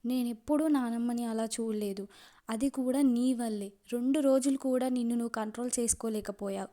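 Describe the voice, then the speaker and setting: Woman playing a young man, angry and hurt, scolding, choked voice, mellow tone. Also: a little high, a little fast, close to an everyday voice.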